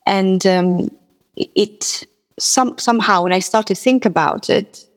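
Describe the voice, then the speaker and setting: A mid-range female voice from a Mauritian guest musician and singer-songwriter whose native languages are French and Creole. She shares personal stories haltingly and conversationally, often repeating herself, in a long, reverberant hall.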